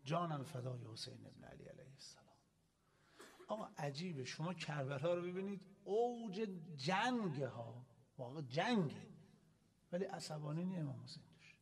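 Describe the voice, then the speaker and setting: Male cleric, high voice, preaching a sermon, fervent, loud calls and quiet asides, Islamic center hall. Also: animated, vocal fry. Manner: impassioned, swings from loud exhortation to hushed asides. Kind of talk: Muharram sermon.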